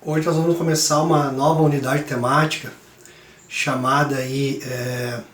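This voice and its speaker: A man teaching a science lesson to young students in a chatty, relaxed way, his voice hoarse from a cold. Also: medium pitch, a little slow, roomy sound, slight background noise. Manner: chatty, relaxed, many fillers. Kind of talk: classroom lesson for kids.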